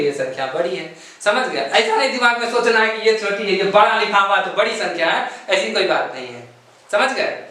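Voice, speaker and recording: A male math teacher with a high, bright voice gives a classroom lesson, walking through each step at the board. He keeps stopping to ask whether everyone has understood. He is heard from some way off the mic in a very echoey room. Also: recorded from a distance. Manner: asks "samajh gaye?" again and again.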